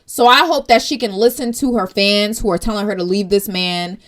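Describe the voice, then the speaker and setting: A woman's voice: mid-range voice, brisk, a bit bright. A young woman vlogging, giving emotional, emphatic commentary to her viewers. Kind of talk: casual commentary vlog.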